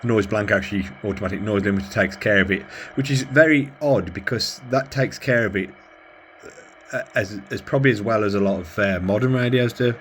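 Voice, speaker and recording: Fairly low-pitched and quick, a radio hobbyist gives a casual hands-on demonstration of his gear, rambling a little and thinking aloud as he goes. Background noise is clearly audible in the recording.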